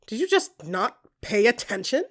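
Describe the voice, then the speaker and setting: Addressing the listener directly, a woman with a husky, breathy, rather high voice narrates and performs an intimate second-person audio fiction podcast. Her delivery is expressive and often hushed, shifting between soft musing and more emphatic phrasing, with deliberate pauses setting short phrases apart.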